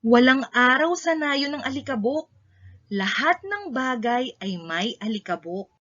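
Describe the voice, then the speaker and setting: Unhurried yet animated, a Filipino woman reads aloud to children in short, emphatic sentences, her voice high and very bright. The audio sounds fairly dull and lo-fi.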